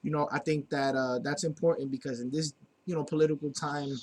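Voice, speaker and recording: A man's voice: a little high, fairly even intonation, brisk, darkish tone, a little hiss or hum. A man hosting a homemade podcast from a basement, talking loosely and rambling with lots of fillers. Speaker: podcast host. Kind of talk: casual podcast chat. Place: home basement.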